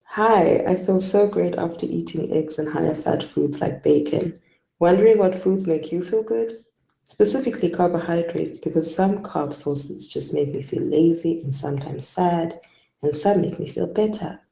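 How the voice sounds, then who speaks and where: A woman's voice: on the low side, normal speed, gravelly, dark tone. Woman's echoey voice message. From South Africa. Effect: played as a recorded voice message. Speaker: listener sending a voice message. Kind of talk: casual spoken question. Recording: echoey phone voice note.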